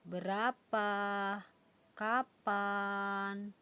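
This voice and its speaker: A woman's voice: medium pitch, fairly even intonation, extremely slow, pushed and bright, smooth. A primary school teacher, a woman, giving a recorded lesson to young children and patiently checking in with them as she explains. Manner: patient, addresses the children with tag questions.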